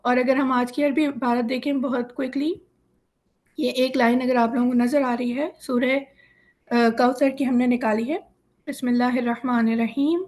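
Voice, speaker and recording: A woman teaching Quran reading in a slow, clear lesson, sounding out syllables one by one and patiently explaining the rules step by step over a video call. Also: sits high, flat delivery, a little mellow.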